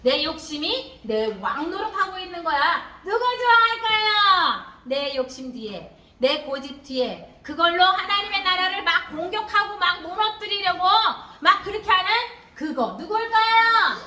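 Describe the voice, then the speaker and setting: High-pitched bright woman teaching children. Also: a little slow, reverberant. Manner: animated, questioning the children, acting out little voices. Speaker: Sunday school teacher. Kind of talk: children's sermon. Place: church hall.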